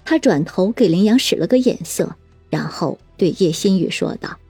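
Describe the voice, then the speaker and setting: A woman's voice: on the low side, expressive, normal speed, darkish tone, slightly rough, no room sound, faint music behind. A woman narrating a serialized detective novel, moving between plain narration and teasing character voices. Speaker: audiobook narrator.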